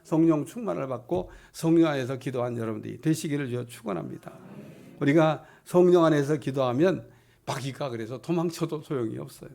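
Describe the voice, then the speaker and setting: Middle-aged male pastor, sermon delivery, high-pitched and gravelly, emphatic and declaiming. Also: fairly quick, a little mellow. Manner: emphatic preaching with rising declarations and repeated blessings. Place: church sanctuary.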